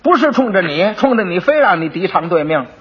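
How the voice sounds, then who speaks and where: A man's voice: high-pitched, sing-song, a little fast, a bit bright, breathy edge, full character voice. A man voicing a bossy, brusque male court constable who takes bribes, on a dull old recording. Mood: stern. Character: gruff bribe-taking male yamen constable.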